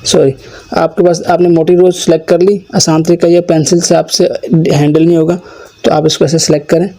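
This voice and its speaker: A man with a fairly high, gravelly and mellow voice teaches a screen-recorded software lesson. He explains each step patiently and speaks the learner's requests aloud himself. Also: level tone, brisk. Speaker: computer course teacher.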